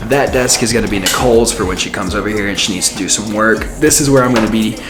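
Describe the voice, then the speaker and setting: A man's voice: lowish voice, quick pace, music in the background. A man hosting a casual, explanatory vlog in an informal way, recorded in a bare room with a hallway-like echo. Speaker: host, musician and YouTuber. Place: indoors, bare untreated room being made a studio.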